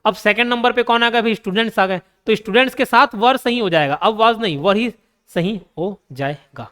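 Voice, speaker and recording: A man's voice: sits high, moderate pace, sharp tone, clean tone, in a large hall. A man with a Chhattisgarh Hindi accent teaching a grammar class, explaining step by step and asking and answering his own questions. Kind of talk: grammar lesson.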